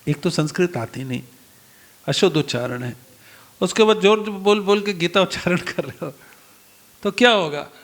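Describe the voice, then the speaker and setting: A man with a notably high voice delivers a devotional sermon as a story. He acts out the exchanges between the characters in the tale and turns to his listeners with rhetorical questions. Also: moderate pace, long pauses. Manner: animated storyteller acting out dialogue, rhetorical questions to audience. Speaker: preacher.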